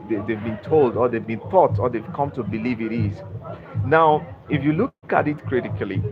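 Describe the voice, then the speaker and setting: A Nigerian-born man hosting a live stream, lecturing in a repetitive way and leaning on "you know". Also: medium pitch. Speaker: livestream host. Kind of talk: live-stream talk to viewers. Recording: dull lo-fi stream audio with music behind.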